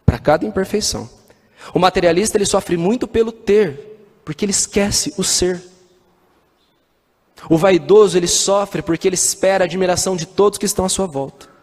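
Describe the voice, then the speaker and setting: A man's voice: sits high, brisk, a little mellow. A man giving a spiritist lecture, telling anecdotes and asking the audience questions. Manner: storytelling with anecdotes and quoted dialogue. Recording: long hall reverb.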